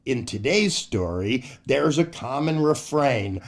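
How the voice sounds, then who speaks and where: The voice here is mid-range, animated, and slow, belonging to an older man hosting a storytime show for kids. Jokes and read-aloud stories come out with playful, exaggerated theatricality.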